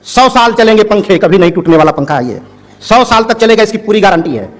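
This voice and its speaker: A man's voice: high-pitched, very animated, a little fast. A man voicing a crafty, cheeky male fan peddler who keeps repeating his sales claims in a storytelling talk.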